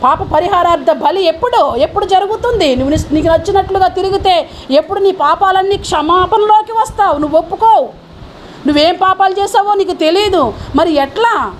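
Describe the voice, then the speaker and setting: A woman's voice: very high voice, fairly quick, a little hiss or hum. A woman pastor preaching a fervent sermon and firing questions at the congregation. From India.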